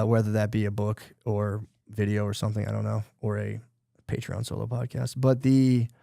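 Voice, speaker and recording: A man's voice: medium pitch, gravelly, a little mellow, no echo. A middle-aged man rambles through a casual podcast chat, cursing freely and running himself down. His voice sits in a middle register. It is recorded close and dry, with no room sound. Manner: rambling, self-deprecating, swears casually, says dude a lot. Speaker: podcast co-host.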